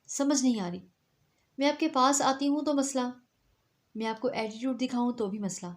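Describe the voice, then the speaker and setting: A woman's voice: sits high, voice pushed up, lightly acted. Woman reading as a cold aloof young wife. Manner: flat and detached. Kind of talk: storybook reading.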